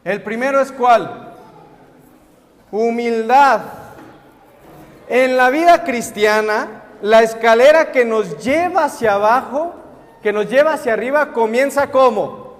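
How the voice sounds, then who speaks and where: A man's voice: very high-pitched, a little slow, long pauses. A young man preaching as a guest preacher in a church, asking the congregation questions and answering them himself. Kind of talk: sermon. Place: church sanctuary. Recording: echoey hall with long reverb.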